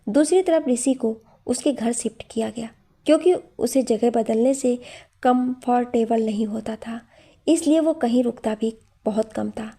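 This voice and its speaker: A woman calmly reading a romantic family story as a steady narrator. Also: on the high side, gravelly, slightly rough.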